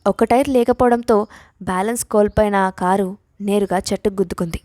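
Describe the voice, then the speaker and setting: A woman's voice: medium pitch, fairly even intonation, a little fast, warm tone, dry recording. Woman narrating an audio story, dry.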